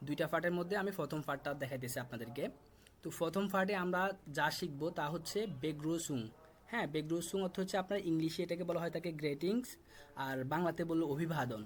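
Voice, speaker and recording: A young man from Bangladesh teaching a live online class, patiently repeating words slowly for pronunciation. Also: fairly high pitch. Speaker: German language teacher.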